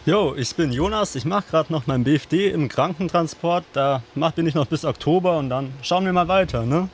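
A young man talking as a guest on a radio show, explaining things in a relaxed, plain way. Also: a little high, moderate pace, a little hiss or hum. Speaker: guest volunteer. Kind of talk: casual radio chat.

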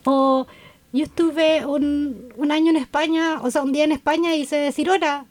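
A woman from Chile with a Chilean accent, hosting a podcast with chatty, animated talk. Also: high-pitched, moderate pace, dry recording. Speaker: podcast host. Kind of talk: casual interview chat.

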